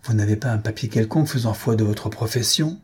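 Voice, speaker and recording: Brief: male narrator doing a curt, distrustful magistrate, husky and mellow, clipped questioning. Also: fairly low pitch, brisk. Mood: stern. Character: stern middle-aged male investigating judge. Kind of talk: audiobook character reading.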